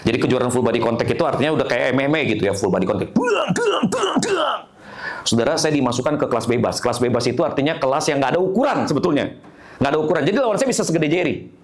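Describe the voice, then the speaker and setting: Animated man preaching with a lively voice. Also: medium pitch, very fast. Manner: animated, humorous storyteller. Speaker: pastor. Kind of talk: storytelling sermon.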